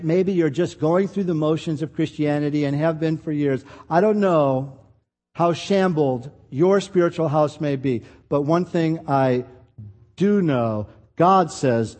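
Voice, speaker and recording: A man's voice: fairly high pitch, a little mellow. A male preacher giving an impassioned, confessional sermon with a repetitive, building rhythm. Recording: long hall reverb.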